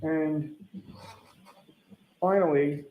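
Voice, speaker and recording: A man cross-examining a witness as a lawyer in court, putting detailed, deliberate leading questions and pressing for confirmation. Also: a little high, steady tone, phone-quality sound. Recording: echoey courtroom sound with faint noise.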